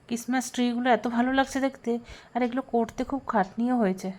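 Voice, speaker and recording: A young woman chatting casually in a home vlog, sometimes speaking softly. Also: on the high side, quick pace. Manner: chatty, talks softly at times. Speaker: vlogger.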